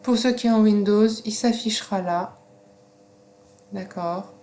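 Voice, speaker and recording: A woman with a non-native French accent giving a screen-recorded software tutorial, explaining steps slowly with frequent fillers. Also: mid-range voice. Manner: slow, step-by-step instructions with frequent fillers. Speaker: teacher.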